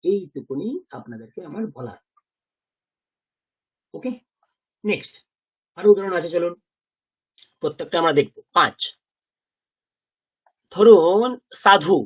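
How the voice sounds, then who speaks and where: A man teaching a Sanskrit class. He asks the learners questions, then says each pronunciation slowly and repeats it several times. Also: sits high, lively intonation, breathy edge, muffled recording. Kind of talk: language class lesson.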